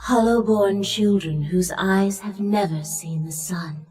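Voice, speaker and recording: A woman's voice: medium pitch, slow, a little mellow, distant mic, lightly acted, low-quality recording. A woman playing a commanding, stately goddess in a video game, speaking formally and solemnly. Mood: grave. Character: commanding warrior goddess of life and birds, solemn, merciful and terrible. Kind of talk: scripted video game voice acting.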